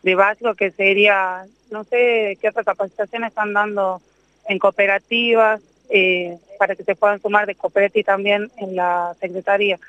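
Woman inspector, smooth high voice, stumbles a bit, muffled dry audio. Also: steady tone, moderate pace, no echo. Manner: hesitant, trailing restarts. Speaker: safety inspector. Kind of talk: interview answers. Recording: dull muffled sound.

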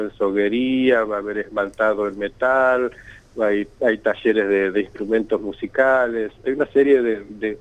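A man from Santiago del Estero, Argentina, with a local accent, speaking as an event organizer in a radio interview over a bad phone connection, hesitant and repeating words often. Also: fairly low pitch. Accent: Santiago del Estero Argentine Spanish. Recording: tinny, choppy phone line.

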